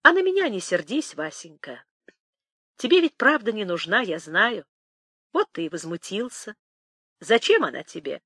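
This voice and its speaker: Picture an old village nanny, tender but teasing, whose voice rises and falls in a lively singsong as she croons and laments, as a woman reader puts her on. Sometimes she drops to a hushed whisper. The sound is dry and close. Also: medium pitch, normal speed, pauses often, breathy edge, no room sound, exaggerated voice. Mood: coaxing.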